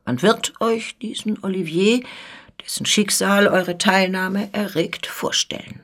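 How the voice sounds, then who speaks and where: A woman's voice: mid-range voice, unhurried, a bit bright. A woman reading the part of a stern older male police president, menacing and insinuating, in a radio reading of a story. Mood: coldly accusing.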